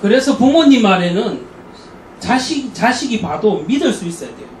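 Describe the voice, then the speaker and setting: A man giving a church parenting lecture, telling anecdotes in an animated way and acting out the people he quotes. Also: high voice, moderate pace. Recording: echoey room, distant mic, faint noise.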